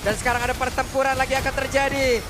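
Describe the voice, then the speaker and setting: A man doing excited play-by-play commentary as an esports caster. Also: extremely high pitch, fast, music in the background.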